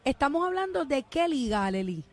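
Puerto Rican woman, radio co-host, slightly high voice, animated casual chat from the studio. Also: a little fast.

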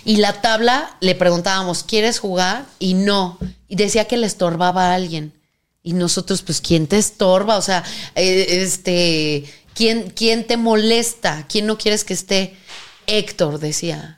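A woman's voice: mid-range voice, measured pace, smooth. A woman with a Mexican accent, chatting on a podcast and telling a story expressively. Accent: Mexican Spanish. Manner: expressive storyteller who acts out voices. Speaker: podcast co-host. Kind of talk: casual chat.

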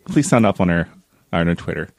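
A man co-hosting a book podcast in casual chat, easygoing and quick to laugh, with joking asides. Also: low-pitched, lively intonation, dry recording, clean studio sound. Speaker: podcast co-host.

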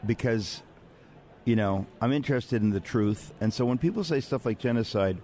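Speaking at a normal pace in a warm, medium-pitched voice, a man hosts a radio interview that is conversational, candid and wry. He's on a platform in a large convention center, where the crowded floor makes the recording noisy.

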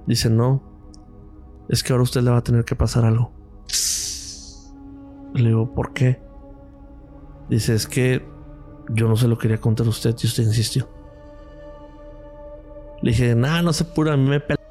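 A man's voice: mid-range voice, little pitch movement, measured pace, long pauses, warm tone, faint music behind. A man with a Mexican Spanish accent, a radiologist guest on a podcast, tells a story and acts out the quoted dialogue.

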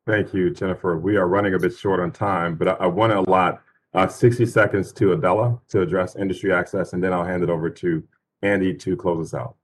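Quick, deep-voiced male moderator. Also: fairly even intonation, slight background noise. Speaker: panel moderator. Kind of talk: formal moderating.

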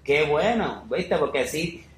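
A man with a fairly high, expressive voice speaks slowly as he hosts a podcast interview, rambling casually and often repeating phrases for emphasis. The recording has a roomy echo and faint background noise.

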